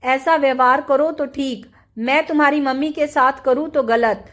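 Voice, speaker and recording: A woman's voice: high voice, steady tone, normal speed, a bit bright. A woman voicing a resentful young sister-in-law who taunts and accuses in a storybook reading. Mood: taunting.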